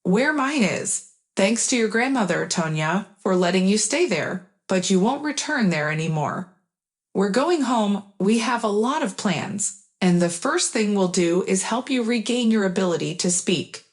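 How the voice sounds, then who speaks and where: An even, unhurried young man in a spoken storybook, read by a woman in her ordinary voice. He speaks plainly, without any strong acting. The pitch sits in an ordinary middle range. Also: close to an everyday voice. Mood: earnest. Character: young adult man speaking to his sister.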